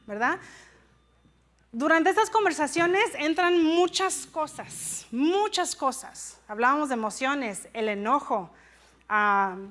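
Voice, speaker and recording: A woman's voice: high-pitched, a bit bright. A middle-aged woman leading a live workshop for supervisors, talking in an engaging way to a room of people, often asking them questions and dropping in short English phrases. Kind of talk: live workshop talk to an audience.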